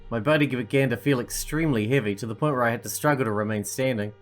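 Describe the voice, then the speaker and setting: A woman's voice: extremely low pitch, fast talker, soft background music. A woman doing a let's play, reading game narration aloud and adding casual commentary.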